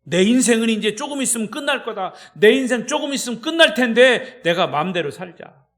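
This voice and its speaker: A man's voice: very high-pitched, expressive, a little fast, fairly bright tone, voice pushed up. A male pastor acting out a grown son who confronts his mother in a raised, pleading voice during a sermon story. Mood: tearful reproach. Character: grown son, tearful and defiant.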